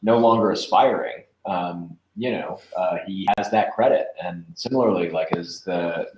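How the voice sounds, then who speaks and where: A voice actor and podcast producer in his twenties speaks as an interview guest, his low, darkish voice moving at a moderate pace in a roomy, echoing recording. He chats casually and informally, rambling a little as he explains his work.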